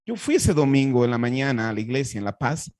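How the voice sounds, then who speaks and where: A man's voice: mid-range voice, very animated, quick pace, a little mellow, dry recording. A Bolivian man with a Bolivian Spanish accent, a pastor telling his personal faith testimony in an earnest, heartfelt way with frequent restarts.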